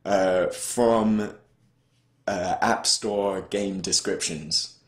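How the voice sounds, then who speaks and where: A man's voice: low voice, steady tone, extremely slow. A man co-hosting a casual podcast chat, rambling and hesitant, often restarting his sentences. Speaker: podcast co-host. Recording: roomy echo.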